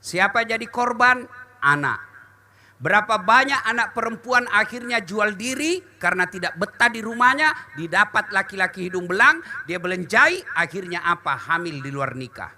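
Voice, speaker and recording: A man's voice: high-pitched, normal speed. A middle-aged man preaching a humorous sermon, joking and acting out little scenes for the crowd. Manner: jokey, animated, with sung verses and acted quotes.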